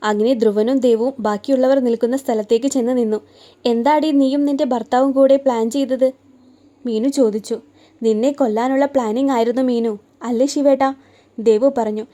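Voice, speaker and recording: Woman storyteller, romance reading, gentle and soft, mellow tone, slightly high voice. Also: fairly even intonation, fairly quick. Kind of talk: scripted narration of a romance story.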